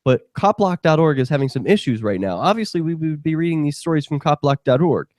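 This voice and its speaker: A man's voice: on the high side, expressive, brisk, darkish tone, dry recording, clean studio sound. A man hosting a talk radio show, ranting in a profane, heated and sarcastic way. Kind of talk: casual talk radio rant.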